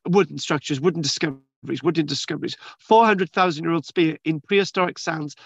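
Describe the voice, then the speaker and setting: A man's voice: fairly high pitch, brisk, vocal fry, breathy edge, no echo. A man reading news articles aloud and commenting in a rambling, casual way, with many restarts and fillers. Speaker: channel host reading and discussing archaeology news. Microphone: video call screen share.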